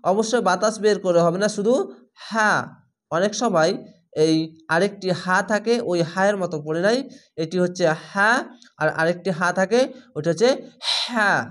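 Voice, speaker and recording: A man teaching Quran reading, patiently spelling out each word letter by letter in a slow, repetitive lesson. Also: high-pitched, a bit bright.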